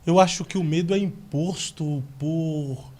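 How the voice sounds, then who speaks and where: Guy host asking stuff calmly, voice a bit on the high side. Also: measured pace. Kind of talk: interview questions.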